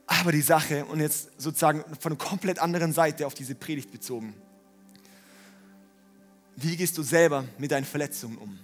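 Male pastor, lively sermon delivery, swings loud to soft, somewhat high voice, faint music underneath. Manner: animated, swings from loud to quiet.

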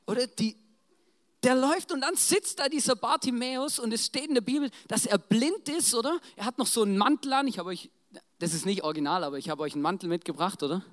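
A preacher telling a Bible story in a casual, slangy, animated way, often checking in with the congregation. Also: mid-range voice, fast talker. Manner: slangy, animated, keeps asking "right?". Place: church in front of a congregation. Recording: long church reverb.

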